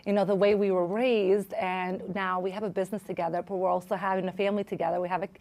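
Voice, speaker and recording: A woman's voice: medium pitch, little pitch movement, fast talker, creaky, a little mellow. Reflective woman guest telling her story. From Albania, raised in New York. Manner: reflective, speaks with fillers. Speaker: guest, business coach. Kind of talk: casual interview storytelling.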